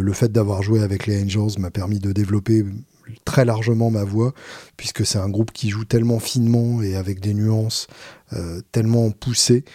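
A band's singer casually answers viewer questions, hesitant with many fillers and restarts and a wry, self-mocking humor. His lowish voice is warm and husky, recorded at studio quality with no room sound.

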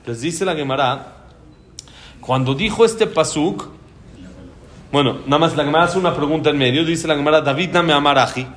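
Male Torah teacher, slightly raised pitch, lively storytelling with fillers. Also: normal speed, pauses often. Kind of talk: Talmud lesson.

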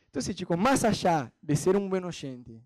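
A man's voice: high-pitched, big pitch swings, unhurried, a little mellow. A man from Brazil preaching a sermon, chatty and direct, acting out little anecdotes with quoted voices. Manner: storytelling with acted-out quotes; chatty, addresses listeners directly.

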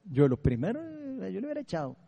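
High-voiced Costa Rican preacher. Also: male voice, wildly swooping pitch, fast, creaky, husky, long reverb tail, highs cut off. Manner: storytelling, often asking the listeners for agreement. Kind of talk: sermon testimony.

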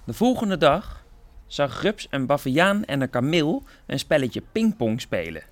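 A man from a theatre group calmly reading a children's story aloud with gentle expression. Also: on the high side, measured pace.

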